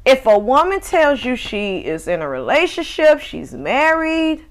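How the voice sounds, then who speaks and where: Slow-talking profane woman ranting. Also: sits high, very animated. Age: 30s. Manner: profane, laughing, rambling with restarts. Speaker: podcast host. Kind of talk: casual solo rant.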